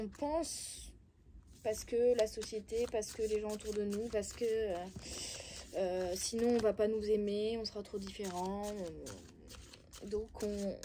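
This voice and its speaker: A woman with a Belgian French accent reads oracle cards in a relaxed, chatty guidance session, nudging her viewers bluntly and hesitating often. Her voice sits in a mid register with a soft, mellow tone. A faint hiss lies under the recording. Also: mid-range voice. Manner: talks straight to viewers, coaxing and blunt, with frequent hesitations. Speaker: oracle card reader. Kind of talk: casual spiritual card-reading guidance.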